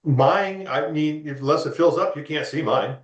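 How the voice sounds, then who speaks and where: A man's voice: fairly high pitch, moderate pace. A man speaking as an interview guest in casual chat, rambling and repeating himself often. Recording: roomy, dull lo-fi sound.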